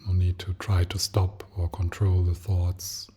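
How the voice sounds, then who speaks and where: Leading listeners through a meditation, a male teacher keeps his low-pitched voice monotone. His phrases are short and slow, spoken gently and softly with long gaps, in a husky, breathy tone.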